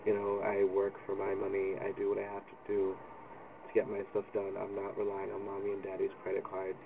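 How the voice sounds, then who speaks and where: This young vlogger's monologue is candid and rambling, full of ums, delivered a little fast in a fairly low, gravelly voice that stays completely flat. Loud background noise fills the distant, phone-like lo-fi recording.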